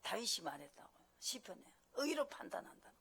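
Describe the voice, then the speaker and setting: A woman pastor delivers a sermon in a forceful, sharp-edged voice with a gravelly texture. She preaches emphatically, asking her listeners question after question. Her loudness swings between strong bursts and quieter asides. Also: medium pitch, big pitch swings, brisk. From Gyeongsang region of Korea.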